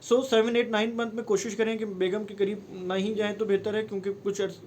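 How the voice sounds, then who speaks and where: A man's voice: high-pitched, flat delivery, a little fast, darkish tone, slight background noise. A man, giving earnest, pleading advice to camera in a personal vlog and mixing in English phrases. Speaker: vlogger.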